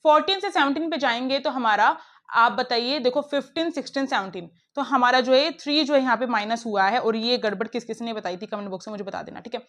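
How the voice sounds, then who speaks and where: A woman teacher explaining puzzles step by step in a brisk, coaxing way, talking straight to her students. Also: a little high, fairly bright tone. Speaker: online teacher. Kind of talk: classroom lesson explaining puzzles.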